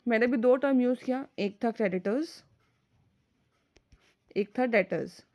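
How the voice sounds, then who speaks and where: Woman teaching, slightly high voice. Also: unhurried, lo-fi sound. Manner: explains step by step, often checks with "clear?" and "ठीक है"; mixes English terms into Hindi speech. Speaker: accounting teacher. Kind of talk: recorded online lecture.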